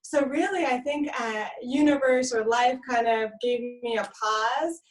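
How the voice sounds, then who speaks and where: A woman from Romania who was raised in South Florida speaks in a high, slightly slow voice, giggling between phrases. She's a sound healer appearing as a guest in a casual interview held over video call. Her audio comes through a video-call mic that sounds a bit distant.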